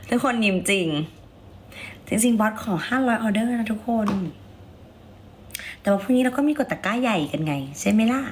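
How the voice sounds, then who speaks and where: A hoarse woman with a raspy voice, chatting playfully and coaxing viewers while selling on a livestream. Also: fairly high pitch, moderate pace, long pauses, a little hiss or hum. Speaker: livestream seller. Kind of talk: casual livestream chat.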